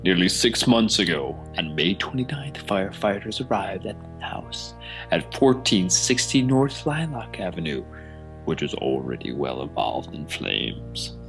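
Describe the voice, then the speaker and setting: Man doing a grave newsreader voice, low and breathy, slow and heavy. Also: big pitch swings, a bit bright, soft background music, full character voice, low-quality recording. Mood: solemn. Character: grave dramatic male newsreader voice.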